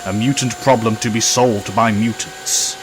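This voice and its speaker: An actor playing a calm, resolute middle-aged professor in an audio drama, earnest and authoritative. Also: male voice, on the low side, moderate pace, background noise, natural voice. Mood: grave, earnest.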